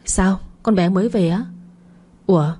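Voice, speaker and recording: A woman's voice: medium pitch, measured pace, warm tone, breathy edge. A woman voicing a worried older mother who asks anxious questions about the neighbors. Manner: curious, fretting.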